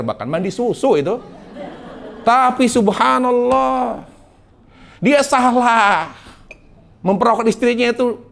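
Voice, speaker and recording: A man preaching a sermon, telling a story in a colloquial, animated way and acting out the people in it. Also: sits high, creaky. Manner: animated, colloquial, acts out quotes.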